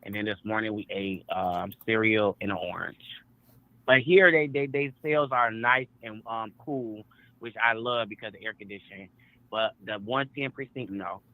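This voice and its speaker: A man's voice: lowish voice, moderate pace. Man on speakerphone, tinny phone line, blunt and profane, weary casual talk. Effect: heard over a phone on speakerphone. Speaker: interviewee just released. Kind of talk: casual street interview.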